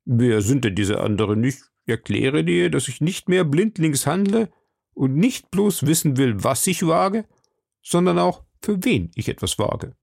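A man's voice: a little high, sing-song, measured pace, gravelly, a little mellow, no room sound, studio quality, pitched above the performer's own voice, heavily acted. A man reading an audiobook, voicing a vain, greedy middle-aged shopkeeper with a pompous, self-important manner. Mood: indignant, proud.

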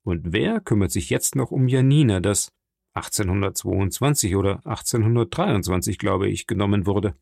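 A man voicing a mature aristocratic count who speaks calmly and in measured tones. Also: fairly low pitch, gravelly, no echo, studio quality, pitched below the performer's own voice. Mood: calm, probing.

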